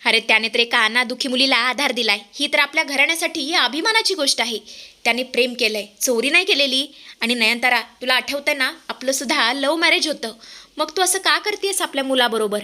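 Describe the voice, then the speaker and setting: A woman's voice: high voice, fairly quick, sharp tone. A woman voicing a stern, pleading middle-aged father who reproaches his wife in a narrated TV-serial recap. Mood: reproachful. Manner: reproachful, insistent.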